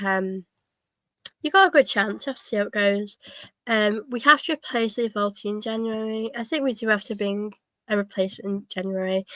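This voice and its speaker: A young woman with a cold hosts a fan watchalong, chatting casually through the match while coughing, hesitating, and filling her speech with ums and restarts. Her voice is medium-pitched with a fairly bright tone, and there is no room sound.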